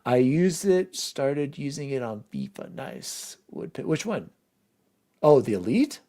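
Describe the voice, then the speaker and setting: A man hosting a casual gaming podcast, chatting with his co-hosts and jumping in quickly. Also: mid-range voice, very animated, dark tone. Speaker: podcast host.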